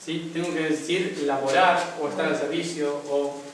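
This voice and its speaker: A man's voice: a little high, steady tone, moderate pace, slight background noise. A young man, giving a spiritual talk to a live audience and explaining step by step while often checking in with his listeners. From Argentina. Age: young adult. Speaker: spiritual speaker. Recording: very echoey room, mic far off.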